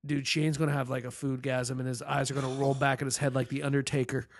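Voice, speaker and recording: A man from Arizona co-hosting a casual podcast, tossing in quick wisecracks and jokes. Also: medium pitch, little pitch movement, dry recording, studio quality. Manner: wisecracking, quick joking interjections. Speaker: podcast co-host. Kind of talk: casual joking chat.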